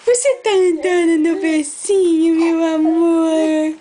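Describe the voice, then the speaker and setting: High-voiced mother cooing baby talk. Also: fairly even intonation, slow, dark tone, slight background noise. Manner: cooing, sing-song baby talk with frequent laughter. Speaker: mother filming her baby. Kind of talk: home video baby talk. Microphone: handheld phone camera.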